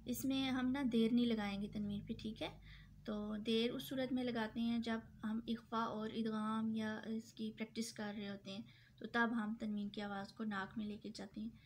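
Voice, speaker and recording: A woman's voice: fairly high pitch, flat delivery, darkish tone, a little hiss or hum. Woman teacher with a sore throat. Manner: patient, repeats points, slows down for drawn-out example words. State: sore throat, clearing it often. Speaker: Quran recitation teacher. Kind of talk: tajweed lesson.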